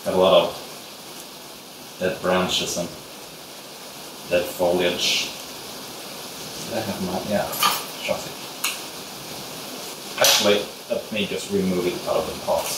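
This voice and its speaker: With a low voice, slow delivery and long pauses, a young adult bonsai vlogger from Sweden hesitantly talks through his work in a casual hands-on tutorial, full of fillers and Swedish-accented. The camera mic sits at a distance in a little glass sunroom, giving echoey audio under a constant hiss of rain.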